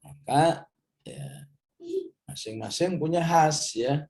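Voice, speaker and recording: A middle-aged man from Indonesia gives a Quran study lesson in an unhurried, mellow voice. He explains patiently, checks in often with "ya" and chants Arabic verses slowly and carefully. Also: a little high, vocal fry. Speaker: Quran teacher.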